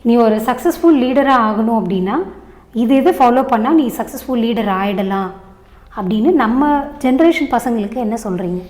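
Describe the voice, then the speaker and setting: A woman's voice: on the high side, moderate pace, a little mellow. A woman interviewing a guest, asking questions and often finishing his sentences.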